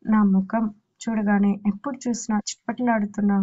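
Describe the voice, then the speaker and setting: A woman's voice: mid-range voice, fairly even intonation, fairly quick, mellow, dull audio, lightly acted. A woman voicing a teasing, persistent young male suitor in an audio story. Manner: teasing, cheeky.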